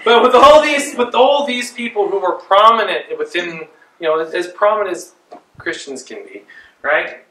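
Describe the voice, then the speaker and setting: A man's voice: sits high, moderate pace, slight background noise. A man in his forties preaching a sermon from a pulpit in a small church, talking in a loose, conversational way. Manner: conversational, animated with hand gestures. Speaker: pastor. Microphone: far camera. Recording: roomy church echo, mic at a distance.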